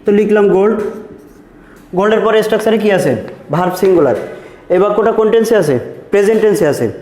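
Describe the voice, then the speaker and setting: A man's voice: sits high, fast talker, warm tone. A man from Bangladesh teaching a school grammar lesson, repeating each step and answering his own questions. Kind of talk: recorded classroom lesson explaining grammar. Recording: echoey room.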